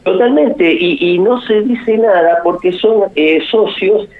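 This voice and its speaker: A man's voice: high-pitched, slow pace. Argentine male radio guest, opinionated and hesitant, heard through a thin AM radio phone line. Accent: Rioplatense Argentine Spanish. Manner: opinionated, thinking aloud with frequent hesitations. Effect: phone-line voice heard over AM radio. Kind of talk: radio interview commentary. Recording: tinny narrowband phone line.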